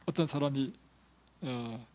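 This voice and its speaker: A man preaching a sermon who swings from hushed, whispered lines to loud, emphatic calls. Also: mid-range voice, takes it slowly. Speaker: pastor.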